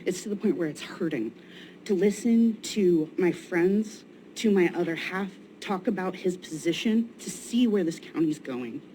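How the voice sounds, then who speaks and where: Tired woman at a public meeting, kinda low soft-toned voice thats shaky, plain earnest speech, some background noise. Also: animated, unhurried. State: weary, shaky voice. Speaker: citizen giving public comment at a county meeting. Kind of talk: prepared public statement. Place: indoor public meeting room. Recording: noisy meeting room ambience.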